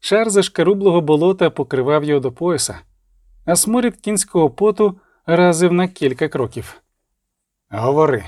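Expressive male audiobook narrator. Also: sits high, fairly quick, dry recording, studio quality.

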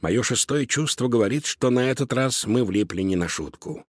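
A man voicing a worried gentlemanly male cat who mutters gloomily, in a storybook reading. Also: medium pitch, animated, normal speed, husky, no room sound, studio quality. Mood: gloomy.

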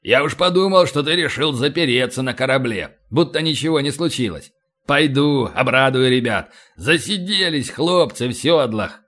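A man voicing a blunt, tough marine major who speaks brashly and plainly, a little above his own pitch. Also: animated, moderate pace, a bit bright. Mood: eager.

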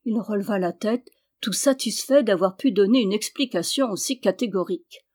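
A woman reading a historical novel aloud as a volunteer audiobook narrator, with steady, expressive storytelling. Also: medium pitch, moderate pace. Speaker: audiobook reader. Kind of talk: literary narration.

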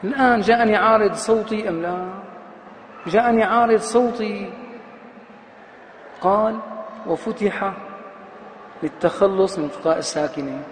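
A high-voiced man gives a grammar lecture and drawls his examples out, chanting them syllable by syllable. His voice rings with long reverb in a big hall, over a faint hum of ambience. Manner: repeats and chants example words slowly, stressing each syllable. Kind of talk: classical Arabic grammar lesson.

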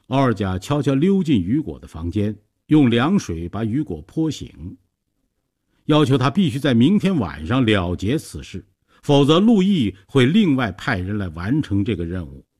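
A man reading a story aloud as a narrator, in a steady, measured way. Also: medium pitch, husky.

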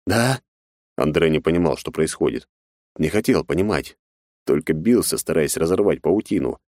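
Deep-voiced male audiobook narrator. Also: animated, normal speed, dark tone, no room sound, clean studio sound. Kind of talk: scripted narration.

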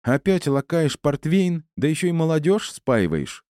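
A man voicing a sharp-tongued middle-aged mother who scolds and reproaches, in audiobook narration. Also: lowish voice, sing-song, brisk, no echo, studio quality, voice pushed up. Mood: scolding. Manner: reproachful, snappish.

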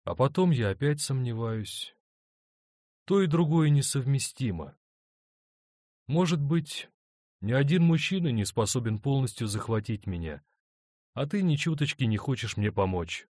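A man's voice: medium pitch, expressive, a little slow, long pauses, a little mellow, no echo, clean studio sound, pitched above the performer's own voice, close to an everyday voice. A man reading an audiobook, voicing an adult woman torn between two men who speaks in an earnest, pleading way.

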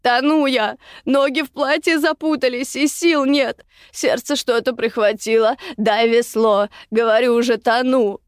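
A woman voicing a heavy, crude village woman drowning in panic, shrill and coarse. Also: unhurried, hardly any pauses, no echo, clean studio sound. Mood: desperate.

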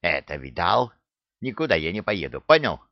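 A brash, jumpy young orc, as a man puts him on, blurting out rough words. The low voice is recorded close and dry, with a slightly dull sound. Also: very animated, moderate pace, dry recording. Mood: defiant.

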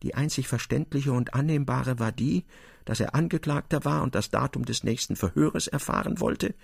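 A man giving expressive scripted narration in a literary radio drama. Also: mid-range voice, moderate pace, gravelly, husky, dry recording.

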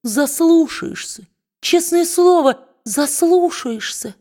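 A woman voicing a fawning, sycophantic male lawyer who flatters his master at every turn. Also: extremely high pitch, slow, pitched above the performer's own voice, exaggerated voice.

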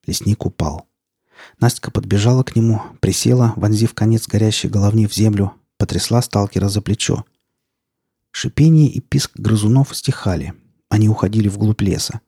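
A man reading an audiobook as narrator, in a tense, gritty storytelling manner with steady, measured delivery. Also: on the low side, slightly rough, no room sound, clean studio sound.

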